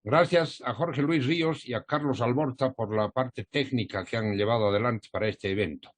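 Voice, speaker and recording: Male moderator, mid pitch, courteous and formal. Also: normal speed. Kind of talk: closing remarks of an online event.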